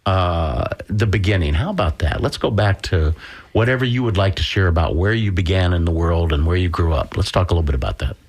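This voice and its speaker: A man's voice: deep voice, expressive, fairly quick. A man hosting a radio conversation, encouraging his guest with affirming remarks. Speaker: radio host. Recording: radio studio.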